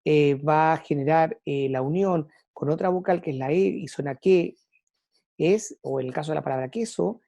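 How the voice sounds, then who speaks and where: Woman teacher, lecture, lowish pitch, mellow, dry recording. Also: moderate pace, gravelly, no room sound. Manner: thinking aloud with frequent "eh" fillers and restarts. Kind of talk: online class lecture.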